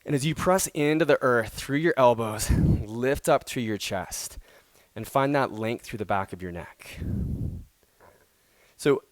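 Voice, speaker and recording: A man teaching a power yoga class, giving calm, encouraging step-by-step cues and gentle praise. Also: medium pitch, a little slow, no room sound. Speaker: yoga instructor. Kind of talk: guided yoga class instruction.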